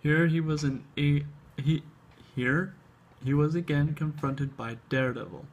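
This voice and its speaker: A man hosting a comic book show, reading aloud haltingly with casual asides, his speech slightly tripped up by an overbite. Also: on the high side, poor audio. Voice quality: slight speech impediment from an overbite, tongue flicking at upper lip. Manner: halting reading, stumbles and repeats words.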